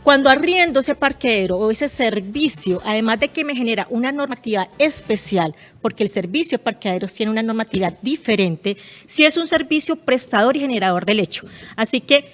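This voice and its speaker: A woman's voice: fairly high pitch, animated, fairly quick. Woman explaining tax rules. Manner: precise, explanatory, uses examples. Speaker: guest expert on property tax. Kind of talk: explanatory radio talk.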